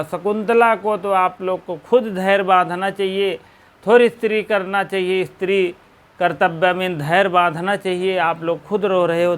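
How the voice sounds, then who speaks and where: A man teaching a Sanskrit play for exam preparation, repeating key phrases slowly and stressing each word as he explains the lines. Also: sits high, fairly bright tone, clear, resonant tone.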